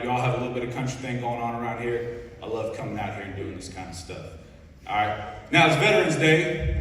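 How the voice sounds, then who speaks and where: A Navy petty officer in his twenties, from Ohio and with an Ohio accent, gives an informal guest speech at a school assembly. He's folksy and conversational, often checking in with his listeners. His medium-pitched voice is recorded from afar in a large, echoing school hall.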